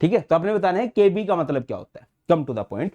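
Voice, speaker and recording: A chatty man teaching chemistry online, his voice sitting a little high for a man. He talks to students like a friendly elder brother, mixing terms into his speech. He often slows down to dictate notes one word at a time. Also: very animated, dark tone. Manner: chatty, addresses students as beta and bhai, mixes English terms into Hindi. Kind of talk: online class lecture.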